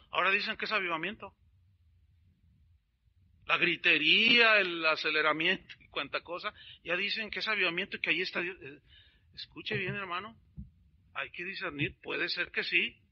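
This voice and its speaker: A man preaching a sermon as a pastor, telling stories in an animated way and calling his listeners brothers. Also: high voice, breathy edge, muffled recording.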